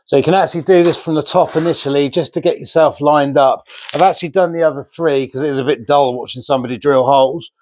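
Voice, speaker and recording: Talking fast and barely pausing, this slightly high-voiced man keeps an even, mellow tone as he narrates his DIY project. He's a chatty, self-deprecating vlogger working with his hands, recorded on a remote mic with faint hiss or hum.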